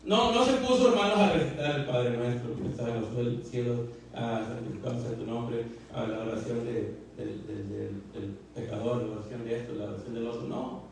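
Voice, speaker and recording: A man's voice: mid-range voice, lively intonation, normal speed, few pauses, a little hiss or hum. A man preaching a sermon as pastor, fervent and repetitive, full of fillers and questions to the congregation. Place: church hall. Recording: very echoey hall, mic far off.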